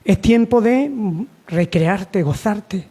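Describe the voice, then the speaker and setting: A man from Spain delivers a sermon, pressing his listeners with repeated lines and rhetorical questions. His voice sits high and warm, and he takes his time.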